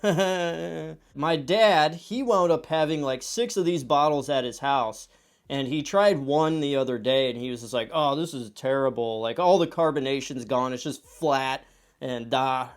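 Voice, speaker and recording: A man in his thirties, stuffed up from a cold, chats casually through a soda review vlog at his desk, his mid-range voice moving at a measured pace. He is chatty and animated, acting out quoted voices, in a home room lined with shelves of soda cans, recorded by a camera at desk distance.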